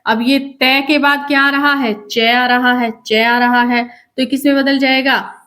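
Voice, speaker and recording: Woman teacher walking through grammar slowly, high voice, keeps asking the class stuff and answering it herself. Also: little pitch movement, sharp tone. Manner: slow, repeating questions to students. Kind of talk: whiteboard grammar lesson.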